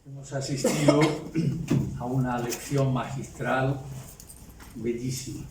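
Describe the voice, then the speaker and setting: A man gives a formal, courteous response speech at an academic ceremony, speaking in a measured way. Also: mid-range voice, fairly even intonation. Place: hotel hall. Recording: roomy hall audio from a distance with faint noise.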